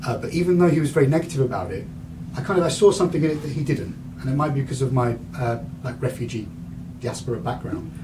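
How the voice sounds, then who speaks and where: A man's voice: mid-range voice, fast. Distant man lecturing to a room. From England. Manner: rambling, many fillers and restarts. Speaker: guest lecturer. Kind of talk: university lecture. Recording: distant mic, audible room noise.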